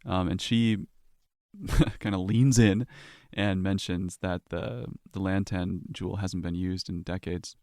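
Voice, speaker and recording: Deep-voiced male game master. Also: slow pace, no room sound, clean studio sound. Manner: relaxed, with many fillers. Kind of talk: tabletop game narration.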